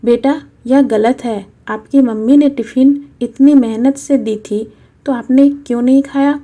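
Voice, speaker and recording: Woman reading as a gentle old grandfather. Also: high voice, steady tone, unhurried. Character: frail, humble old village grandfather. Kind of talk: storybook narration.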